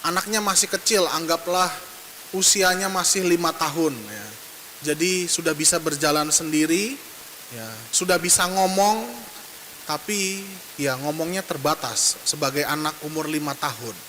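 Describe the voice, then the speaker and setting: A man's voice: a little high, normal speed, sharp tone. A man giving a Sunday sermon as a priest, telling a story and acting out the father and child in it. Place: church. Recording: hissy reverberant church recording.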